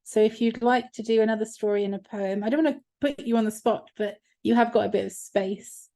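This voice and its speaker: A woman co-hosting an online arts event, her voice mellow and relaxed in tone. She speaks casually with frequent ums while reading out comments and passing to the next guest. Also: on the high side, brisk. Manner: warm thanks, many ums, reading out comments. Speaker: event co-host.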